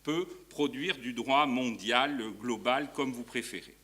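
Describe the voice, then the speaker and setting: A law professor gives an academic conference talk in a university lecture hall, hesitating often with fillers and restarts. His voice is medium-pitched and unhurried, with background noise present.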